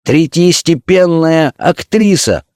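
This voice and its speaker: A man's voice: on the high side, lively intonation, slow pace, a little mellow, no room sound, clean studio sound, pitched above the performer's own voice. A man reading an audiobook, voicing a scornful, cruel young man with contemptuous, declamatory speech.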